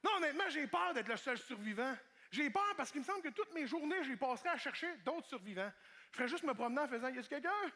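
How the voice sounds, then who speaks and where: Québécois guy doing stand-up on stage, high bright voice w/ gravel, jumps all over the place. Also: fast. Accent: Québécois French. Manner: animated storytelling, acting out voices and shouts. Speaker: stand-up comedian. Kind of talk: stand-up comedy routine. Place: large theatre stage.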